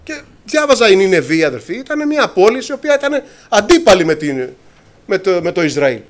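A man's voice: high voice, very animated. A man preaching a sermon to his congregation, impassioned, often calling them brothers and acting out scripture dialogue.

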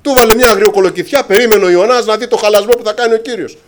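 A man's voice: sits high, fairly even intonation. A man preaching a sermon to his congregation, impassioned, often calling them brothers and acting out scripture dialogue.

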